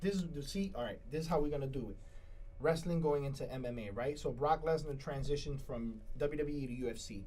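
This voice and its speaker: A man's voice: medium pitch, fairly quick, mellow. A man co-hosting a casual sports talk show, rambling, repeating his words and laughing often. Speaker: co-host. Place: studio.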